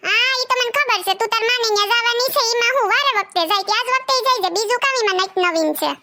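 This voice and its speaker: A penny-pinching young husband, played by a man in a comedy skit, grumbling excuses in a very high, bright voice. He stays defensive and evasive throughout. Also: fast talker, heavily acted.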